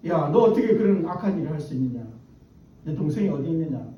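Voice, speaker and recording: A man's voice: fairly high pitch, expressive, fast, warm tone, lo-fi sound, close to an everyday voice. A man voicing a stern, reproving God in a sermon retelling, recorded distant in an echoey hall. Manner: scolding, stern.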